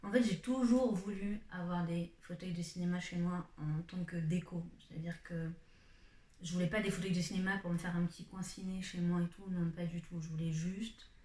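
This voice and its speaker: A woman's voice: fairly low pitch, steady tone, normal speed, dark tone. A young woman chatting to the camera in a casual vlog from a dim room at home, rambling on with self-mocking asides. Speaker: vlogger. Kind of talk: casual face-to-camera chat. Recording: roomy home room sound.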